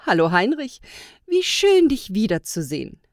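A cheerful older gnome woman who works a mail train, chatty and friendly, her voice lifting high and loud with cheer, as a woman narrator puts her on. Her pitch leaps around a lot, and the reading is close and dry. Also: big pitch swings, normal speed, no room sound.

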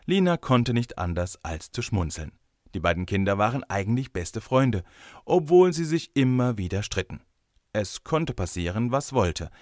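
Guy reading an audiobook, lowish voice, really animated, dry close sound. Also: normal speed, no echo. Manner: lively, expressive storytelling. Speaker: narrator.

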